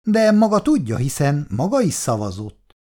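A man voicing a calm, firm older housing committee official who speaks with steady authority, in an audiobook reading. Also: on the high side, voice pushed up.

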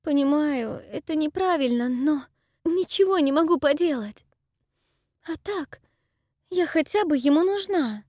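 A woman voicing a timid, tearful young widow who once acted on stage, speaking softly and pleadingly. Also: high-pitched, lively intonation, unhurried, no echo, clean studio sound, voice pushed up. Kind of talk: audiobook character voice.

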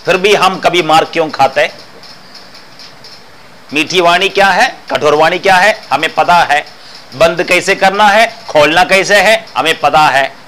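Male philosophy teacher, high bright voice, explains by repeating phrases and posing questions. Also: a little slow, slight background noise, low-quality recording. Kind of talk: explanatory discourse lecture.

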